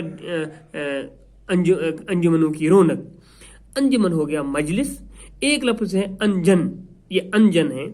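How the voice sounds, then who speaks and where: A man's voice: sits high, a bit bright. A male Urdu teacher explaining word meanings and pronunciation to students, repeating key words and often addressing them as children. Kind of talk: vocabulary lesson for students.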